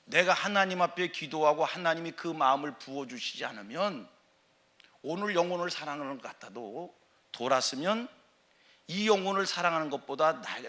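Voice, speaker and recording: Male senior pastor, emphatic sermon delivery, bright and slightly high voice. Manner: emphatic preaching, swings from loud exclamations to soft slow quoted phrases. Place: church sanctuary.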